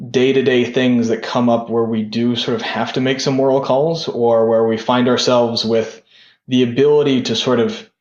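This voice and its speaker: A man's voice: medium pitch, steady tone, normal speed, a little mellow. Young guy on a podcast, lots of sort of and like, echoey room, kinda muffled. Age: young adult. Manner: rambling, lots of "sort of" and "like" fillers. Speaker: podcast guest, tech founder. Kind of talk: casual interview talk. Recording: roomy, dull lo-fi sound.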